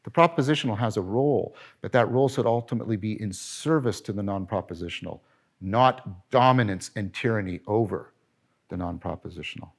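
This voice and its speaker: A middle-aged man's philosophy lecture comes across as animated and emphatic, peppered with self-corrections and rhetorical questions. His lowish voice is brisk and creaky.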